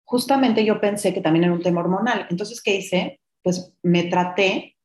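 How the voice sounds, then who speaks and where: A woman's voice: mid-range voice, moderate pace, a little mellow. A middle-aged woman, hosting a podcast and telling a personal story in a candid, reflective way, sometimes slipping English words into her speech. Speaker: podcast host. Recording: roomy echo.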